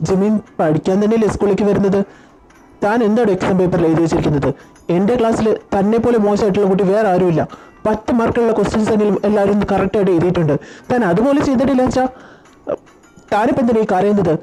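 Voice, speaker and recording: A woman's voice: medium pitch, mellow, soft background music, natural voice, low-quality recording. A woman voicing a strict male schoolteacher who scolds his student in a fan audio drama. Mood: stern. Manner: stern, rapid scolding.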